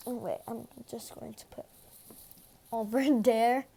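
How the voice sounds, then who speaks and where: A woman chatting casually through an eating vlog with ASMR, giggling and dropping into whispers between loud reactions. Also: fairly high pitch, fairly even intonation, unhurried, gravelly, breathy edge. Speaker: vlogger. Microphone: phone.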